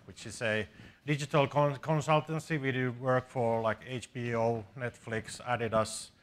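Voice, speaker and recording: His mid-range voice is bright and forceful as this Finnish-accented conference speaker, a programming instructor in his forties from Finland, runs an informal, straightforward live coding workshop. He addresses a seated audience in a small conference seminar room.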